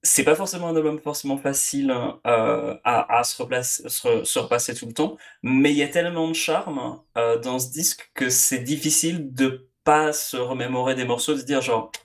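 A man's voice: medium pitch, normal speed, hardly any pauses. A man co-hosting a podcast, talking casually about music with frequent hesitations and repeated words. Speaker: podcast co-host.

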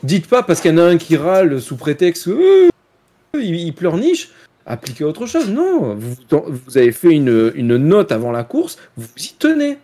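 A French man co-hosting a casual motorsport podcast, with a slightly high voice that swings up and down a lot. He argues his points with strong opinions, jumping up when he gets worked up. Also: sing-song, normal speed, mellow. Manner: opinionated, big pitch jumps when ranting. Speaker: podcast co-host.

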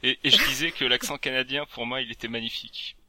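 A man's voice: mid-range voice, quick pace, pushed and bright. A man with a south-eastern French accent co-hosting a podcast in playful casual chat. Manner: playful, laughing. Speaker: podcast co-host.

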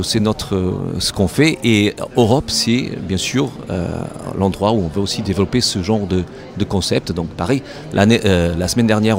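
A man whose first language isn't French speaks it with a foreign accent while answering interview questions for his company at a trade show. His fairly low voice comes haltingly, and he repeats words as he hunts for the right phrasing. The busy crowd chatter of the fair fills the background.

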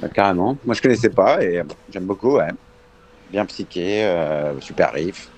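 A man with a fairly low voice co-hosting a relaxed podcast. He adds short, cheerful comments to the conversation. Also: normal speed, slightly rough. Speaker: podcast co-host. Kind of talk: casual podcast chat.

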